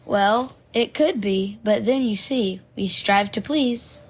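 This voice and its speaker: A woman's voice: medium pitch, takes it slowly, breathy edge. A woman voicing a cheerful young male waiter who speaks in sing-song rhymes, in a hobby audio story. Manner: sing-song rhyming speech.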